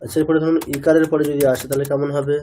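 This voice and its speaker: A male teacher, teaching an online chanting class over a video call, patiently checking that students follow and modelling each pronunciation slowly. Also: a little high, flat delivery, warm tone, slight background noise. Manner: patient, keeps checking understanding with tag questions.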